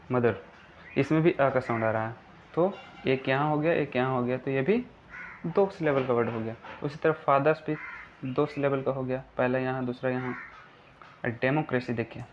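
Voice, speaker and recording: A man with an Indian English accent teaching a beginner English lesson in Hindi, spelling words letter by letter and slowing down to dictate definitions. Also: medium pitch. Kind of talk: classroom lesson explaining grammar. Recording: dull lo-fi recording with faint room noise.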